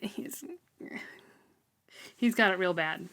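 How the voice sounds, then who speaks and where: On this read-along show, a female co-host casually sums up a fantasy novel, telling the story informally and with wry incredulity. She speaks slowly in a lowish voice with a fairly bright tone.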